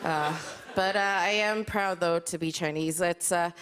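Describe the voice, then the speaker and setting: A woman's voice: fairly low pitch, measured pace, a bit bright, clean tone. A woman from Sweden performing a stand-up comedy set on a live stage, with a dry, self-deprecating delivery full of small hesitations. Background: faint audience laughter and applause.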